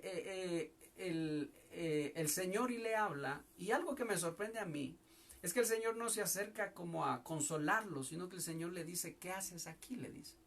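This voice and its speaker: A male pastor preaching a home sermon, calling listeners "brother" and swinging between loud emphasis and quiet telling. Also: high-pitched. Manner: preaching, repeats "hermano" often, rising and falling loudness.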